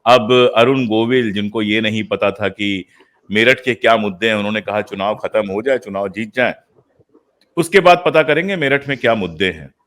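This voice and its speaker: A man's voice: lowish voice, moderate pace, fairly bright tone. A man hosting a political discussion, steadily prompting and laying out points. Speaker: host. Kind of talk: interview discussion.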